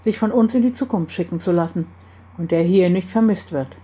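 A woman's voice: lowish voice, brisk, lo-fi sound, lightly acted. Woman reading as a grave secretive group leader. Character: calm serious male leader of a secret group.

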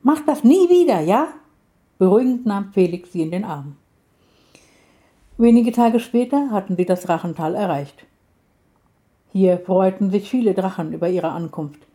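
Female storyteller for a children's tale: mellow tone, calm measured reading. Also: mid-range voice.

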